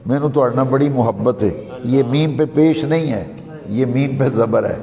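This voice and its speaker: A man delivering a sermon, chanting quoted Arabic slowly and drawn out, recorded live in a large echoing hall. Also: medium pitch, gravelly, dull audio. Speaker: preacher. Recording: echoey hall with live crowd.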